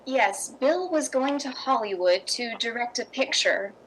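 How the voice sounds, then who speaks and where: A woman as a polite, higher-pitched society lady. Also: expressive, unhurried, fairly bright tone, a little hiss or hum, poor audio. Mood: reflective. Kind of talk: radio drama acting and narration.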